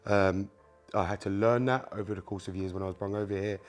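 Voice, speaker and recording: Soft music plays behind a Spanish-native man hosting a car mechanic channel, his fairly low voice fairly quick and fairly even in intonation. Working through a hands-on repair, he keeps it casual, calling the audience "you guys" and repeating "um" and "obviously" often.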